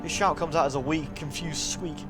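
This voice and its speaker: Brisk and a little high-pitched, this streamer's voice carries fairly even intonation over music. He reads a visual novel's narration aloud with drama, then turns to his viewers with playful, chatty asides.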